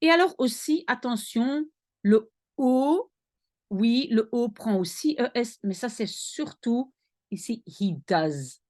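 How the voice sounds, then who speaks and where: Woman teacher, slow and patient, lively sing-song delivery, tutoring one student. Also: on the high side. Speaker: language teacher. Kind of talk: explaining English grammar in French.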